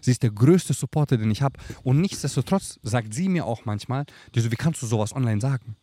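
Animated and brisk, this young man's mid-range voice is mellow, with no room sound. He's a podcast guest in an emphatic, casual, street-slang conversation taped outdoors at dusk on a tropical island.

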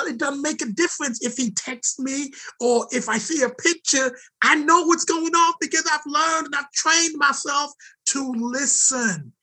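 A man guest telling a story in conversation, animated and emphatic. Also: very high voice, slightly rough, rough recording.

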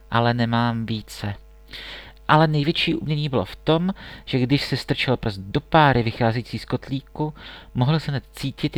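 Calm man reading a fairy tale. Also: mid-range voice, dry recording. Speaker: narrator. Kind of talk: storybook reading.

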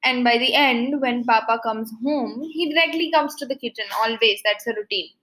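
Bright, giggly woman podcaster. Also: fairly high pitch, moderate pace, slight background noise. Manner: giggly, rambling storyteller. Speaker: podcast co-host. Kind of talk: casual chat. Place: at home.

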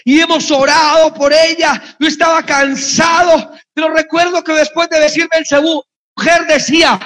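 High-pitched preacher, shouting passionately. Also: male voice, level tone, normal speed. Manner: impassioned, often shouting, storytelling. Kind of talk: sermon.

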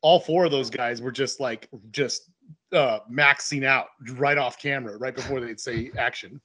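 A man co-hosting a podcast, chatting casually and telling jokey, animated stories. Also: mid-range voice, moderate pace. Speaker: podcast co-host. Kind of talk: casual chat.

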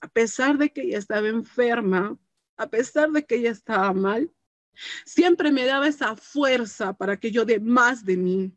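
Her voice sits a little high and moves at a moderate pace, with no room sound in the recording. This entrepreneur shares her story sincerely and from the heart, frequently tagging her phrases with "¿no?" as a question.

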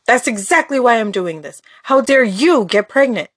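A woman's voice: fairly low pitch, fairly quick, dry recording, studio quality, close to an everyday voice. Lady doing a cruel older mob chairman in a story, cold n bossy, curt threats. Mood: cold anger. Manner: menacing, commanding, curt.

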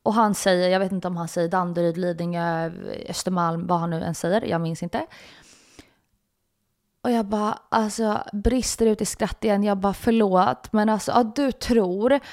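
A woman's voice: on the low side, steady tone, a little mellow. A young woman with a Stockholm accent, telling a personal story on her podcast, acting out quotes and breaking into laughter. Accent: Stockholm Swedish. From Sweden. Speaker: podcast host.

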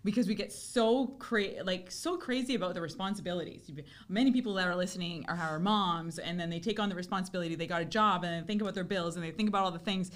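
A woman's voice: lowish voice, fast talker, few pauses. A woman hosting a podcast interview, bubbly and effusive, laughing often as she talks. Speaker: podcast host.

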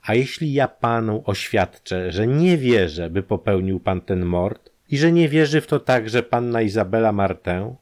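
A man voicing a calm, matter-of-fact detective who asks measured, businesslike questions in an audiobook. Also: lowish voice, close to an everyday voice.

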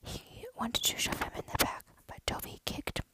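A storyteller reading a dark horror story aloud in a steady, hushed whisper. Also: moderate pace.

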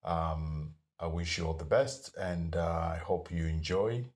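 A man hosting a podcast, introducing it alone and pausing with many ums and uhs. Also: sits low, a little mellow, soft background music. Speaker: podcast host.

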